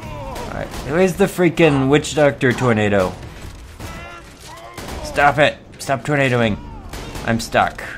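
A man's voice: medium pitch, takes it slowly, pauses often, faint music behind. A man giving casual, sweary gameplay commentary, chuckling and talking to himself as he plays. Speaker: let's play gamer.

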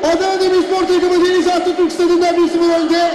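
A man screaming out excited football commentary in shouted goal calls. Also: extremely high pitch, a little fast. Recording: echoey stadium broadcast with crowd noise. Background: stadium crowd.

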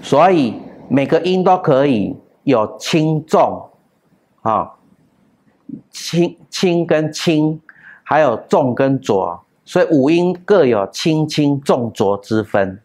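A man giving a classroom lecture on classical texts, explaining step by step with drawn-out particles and sung example tones. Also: on the high side, animated, darkish tone. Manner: explains with pauses, drawn-out particles, chants and hums sounds.

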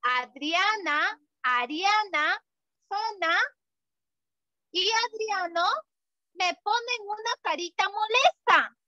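A woman's voice: very high-pitched, slow pace, long pauses, bright, forceful tone, no echo, dull audio. A woman teaching an online class to small children, in an exaggerated, affectionate sing-song manner. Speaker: preschool teacher.

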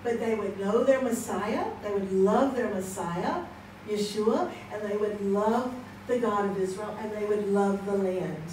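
This conference speaker, an American woman in her sixties, has an unhurried, slightly mellow medium-pitched voice. Seated in a church hall with an audience, handheld mic in hand and filmed from across the room, she tells personal stories in a chatty way, laughing often and acting out quoted exchanges; the sound is distant and echoey with background noise.

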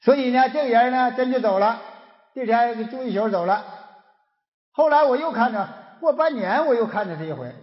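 A man's voice: very high-pitched, moderate pace. A man with a Northeastern Mandarin accent, a folk healer giving a storytelling lecture and acting out the dialogue as he goes. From Northeast China. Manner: animated storyteller who acts out dialogue. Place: lecture hall. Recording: dull lo-fi lecture recording with long hall reverb.

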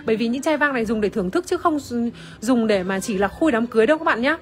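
Chatting casually on an iPhone livestream, a woman presents wine while greeting viewers by name and peppering her talk with fillers. She talks fast in a slightly high voice with lively intonation.

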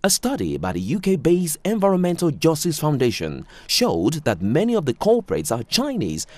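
A man narrating a scripted news report, measured and even. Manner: measured reading with wide pitch swings.

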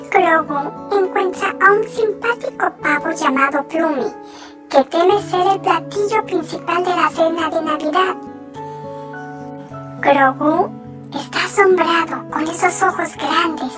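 Very high childlike storybook narrator. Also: recorded from a distance. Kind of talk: scripted children's bedtime storytelling. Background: music.

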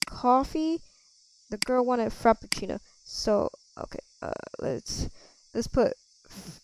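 A woman role-playing a cafe server in a game, chatting with customers and thinking out loud with lots of ums. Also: a little high, slight background noise. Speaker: player running a cafe. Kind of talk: casual game role-play.

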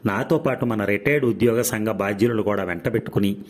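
A man's voice: fairly low pitch, fast talker, slightly rough. A man voicing an older retired man, a loyal friend who speaks firmly and indignantly. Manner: firm, indignant.

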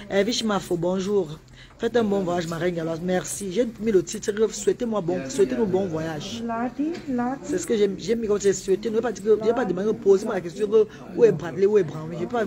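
Woman live-streaming to viewers, insistent tone, crowd noise behind. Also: on the low side. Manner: reads out viewers' greetings, defensive and insistent. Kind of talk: casual live-stream chat.

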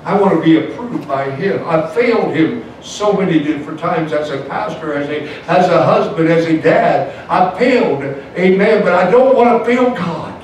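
A man preaching as a pastor, punctuating his lines with "amen" and calls to the church. He swings between soft, low passages and shouted, high climaxes. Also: animated, normal speed, few pauses. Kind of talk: evangelical sermon. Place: church sanctuary, indoors. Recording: echoey church sound from far off, faint noise.

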